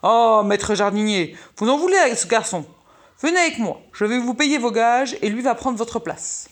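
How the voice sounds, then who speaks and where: Fairy-tale king, male, commanding, loud and emphatic; woman reader doing him. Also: a little high, lively intonation, normal speed, lightly acted. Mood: scolding. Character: storybook king, male, commanding but fair.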